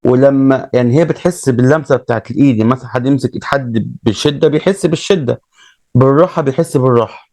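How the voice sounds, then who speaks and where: A man's voice: medium pitch, fast, mellow, dry recording. A man with an Egyptian Arabic accent telling a religious story in a casual way, repeating himself and restarting often. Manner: retells events with many repeats and restarts.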